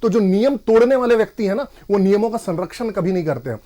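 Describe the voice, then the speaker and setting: Brief: high-pitched male party spokesperson, forceful TV-debate arguer. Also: animated, fast talker. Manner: forceful, insistent, refuses interruption. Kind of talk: TV debate argument.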